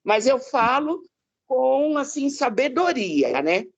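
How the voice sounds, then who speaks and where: A woman from Brazil tells a personal story to her Bible class in a chatty, conversational way, often ending with tag questions. Her voice is high. It rises and falls in a lively way. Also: takes it slowly, slightly rough. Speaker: class participant.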